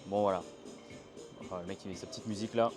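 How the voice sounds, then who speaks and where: Over background music, a young Frenchman speaks quickly in a low voice, giving a casual, chatty outdoor video lesson on Mandarin tones. He acts out each intonation with animated demonstrations, standing by a canal in a Chinese city and recorded on a handheld tripod camera.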